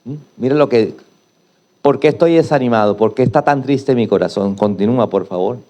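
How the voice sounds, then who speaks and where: A man's voice: medium pitch, a little fast, warm tone, muffled recording. A middle-aged male pastor preaching a sermon, emphatic and prompting the congregation to repeat after him.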